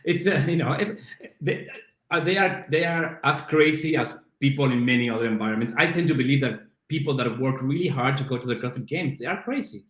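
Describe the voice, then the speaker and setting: Speaking fairly quickly in a mid-range, slightly bright voice, this middle-aged man from Argentina appears as a podcast guest and CrossFit coach. A native Spanish speaker with an Argentine accent, he keeps the casual interview chat self-deprecating and full of restarts, all in a roomy, echoing space.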